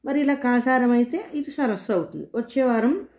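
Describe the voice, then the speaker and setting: A woman's voice: a little high, animated, darkish tone. Musing woman solving a crossword aloud. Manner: thinking aloud, slow and musing. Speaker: puzzle solver.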